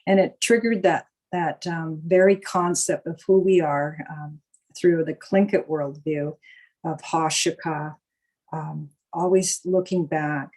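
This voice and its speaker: A woman's voice: fairly low pitch, warm tone, rough recording. An older woman from Alaska hosting a live online gathering, speaking casually with many fillers as she shares stories. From Juneau, Alaska. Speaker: board director and panel host. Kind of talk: casual live-stream address.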